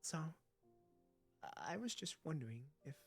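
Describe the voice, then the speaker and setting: An actress playing a fragile, gentle, dying female sea creature in a video game, with a breathy, wavering voice. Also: low-pitched, big pitch swings, unhurried, soft background music, exaggerated voice. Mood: wistful, tender.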